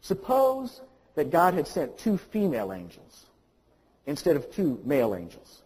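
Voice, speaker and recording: A male pastor preaching an impassioned sermon, swinging from quiet to loud. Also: a little high, huge pitch swings, unhurried, slightly rough, big-room sound, rough recording.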